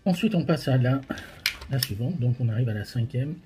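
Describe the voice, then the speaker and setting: A man's voice: medium pitch, animated, a little fast, background noise. A man gives casual, hesitant tasting commentary as a host, his mouth burning from spicy food. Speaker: host of a hot sauce tasting challenge.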